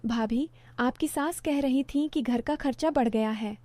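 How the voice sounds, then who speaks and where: A woman's voice: high voice, unhurried, a little mellow, no room sound. A woman voicing a coaxing, greedy young man in a spoken story, with a persuasive, wheedling manner.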